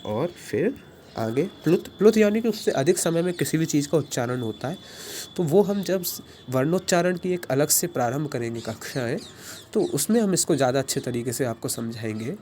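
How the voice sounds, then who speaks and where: A man's voice: mid-range voice, darkish tone, slight background noise. Man teaching pronunciation patiently, sounding out letters. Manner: patient, demonstrates sounds aloud. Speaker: Sanskrit teacher. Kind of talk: explanatory pronunciation lesson.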